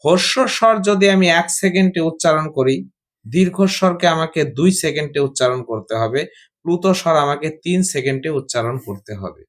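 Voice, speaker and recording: A man teaching a grammar lesson, explaining slowly, repeating points and asking his students questions. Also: on the high side.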